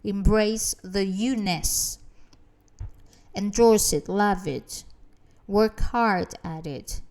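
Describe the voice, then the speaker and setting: A woman's voice: medium pitch, drawn-out words, a little mellow. A woman reader voicing a confident motivational speaker who addresses a crowd from a stage with emphatic, rousing delivery.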